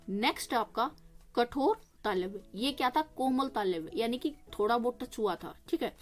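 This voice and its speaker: Higher-voiced woman teaching a grammar lesson. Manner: explains patiently, asking and answering her own questions; sounds out each consonant slowly for listeners to repeat. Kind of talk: exam-prep grammar lesson.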